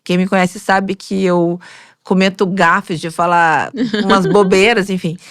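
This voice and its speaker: Woman, makeup artist, animated interview storyteller, dry close sound. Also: on the low side, unhurried, dry recording. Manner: animated storytelling, acting out quoted voices.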